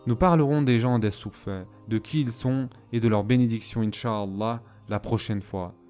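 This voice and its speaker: A man speaks in a relaxed, dark-toned voice, close to the mic. He lectures steadily and explains each point, slipping Arabic phrases into his sentences. Soft music plays quietly behind him. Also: mid-range voice, moderate pace. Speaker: Islamic history teacher. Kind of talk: French voice-over lecture on Islamic history.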